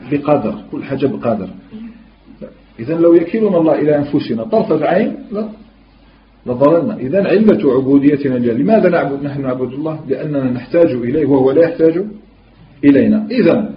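A man's voice: medium pitch, slight background noise. A man giving a religious lesson, explaining as he goes, asking rhetorical questions and mixing formal speech with everyday dialect. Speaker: religious teacher. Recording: roomy, dull lo-fi recording.

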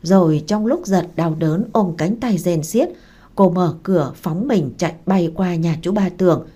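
A woman, narrating a dramatic story in a steady reading voice. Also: lowish voice, a little slow.

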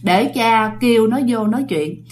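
A calm older priest speaking gently and patiently to a spirit, voiced by a woman narrator. The voice sits a little high. It is delivered as part of a told ghost story. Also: moderate pace, lightly acted. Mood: coaxing. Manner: gentle, coaxing.

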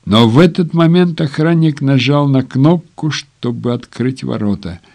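A man reading an audiobook aloud at an ordinary middle pitch. His narration is steady and scripted, with lively rises on descriptive passages. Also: a little slow, gravelly.

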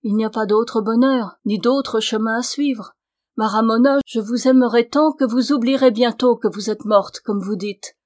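A woman reading the part of an impassioned young gentleman pleading his love, in a dry recording. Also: medium pitch, moderate pace, no echo, lightly acted. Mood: ecstatic.

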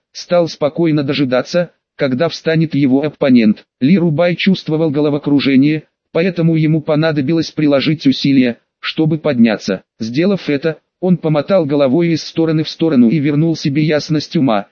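Male audiobook narrator, steady even reading, higher pitch, muffled lo-fi sound. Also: no echo. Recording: dry, dull lo-fi audio.

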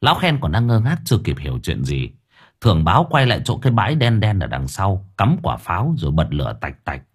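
A man's voice: sits low, a little fast, slightly rough. A man narrating an audiobook expressively. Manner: expressive storytelling. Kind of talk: scripted narration.

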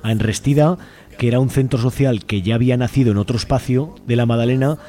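Medium-pitched and dark-toned, the man speaks fast as a guest on a casual radio chat about his work as a community library volunteer. He's talkative and colloquial, often checking for agreement with question tags.

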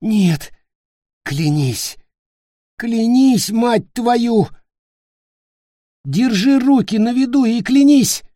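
A man's voice: extremely high pitch, expressive, drawn-out words, pauses often, dry recording, studio quality, voice pushed up, exaggerated voice. A man doing a desperate dying boy. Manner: pleading, then shouting in fury. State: weak and coughing.

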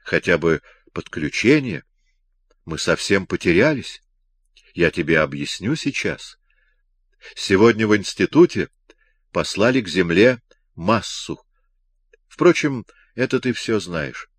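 A man's voice: sits low, very animated, slightly rough, dry recording, full character voice. A man voicing a sleepy, puzzled male colleague who speaks earnestly in an audiobook reading. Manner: slow, confused, earnest.

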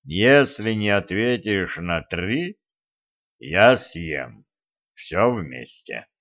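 A male audiobook reader performs a huge stone monster, growling menacing threats with a deep, hollow boom and drawing every word out in slow mockery. His delivery is heavily acted, very animated and slightly bright, captured on a dull, lo-fi recording.

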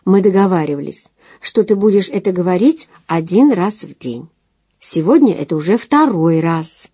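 Wry, evasive young man voiced by a woman narrator, mellow and understated. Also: lowish voice, animated, moderate pace, slightly rough, dry recording. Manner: ironic, dry understatement. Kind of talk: audiobook dialogue reading.

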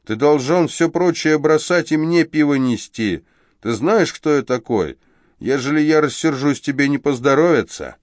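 A man voicing a brash young male street thug who boasts and threatens in a loud, drawling voice. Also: medium pitch, big pitch swings, moderate pace, hardly any pauses, no echo, clean studio sound, voice pushed up. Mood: bullying.

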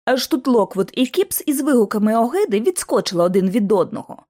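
A woman reading an audiobook narration in an expressive, dramatic manner. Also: a little high, brisk. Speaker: audiobook reader.

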